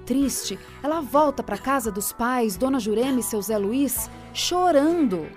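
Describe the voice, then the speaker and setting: Mulher narrando radionovela, voz aguda e animada, música de fundo. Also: female voice, fairly high pitch, expressive, measured pace, darkish tone, faint music behind.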